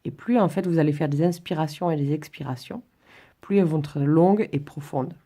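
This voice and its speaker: A woman's voice: deep voice, brisk, warm tone. A woman instructor giving an informal drawing and relaxation tutorial, demonstrating as she talks in a hesitant, stop-and-start way. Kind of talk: informal spoken tutorial, demonstrating while talking.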